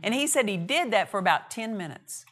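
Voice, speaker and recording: A woman's voice: mid-range voice, animated, fairly quick, a bit bright. A woman preaching a sermon in a church, with emphatic repetition and short punchy phrases. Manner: emphatic, repeats key phrases, acts out quoted dialogue.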